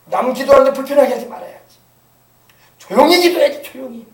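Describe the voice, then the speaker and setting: High-voiced joking male pastor, echoey hall. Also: fast, a little hiss or hum. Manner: folksy, joking, mimics grumbling church elders. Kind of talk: sermon. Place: church sanctuary. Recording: echoey church room, mic at a distance.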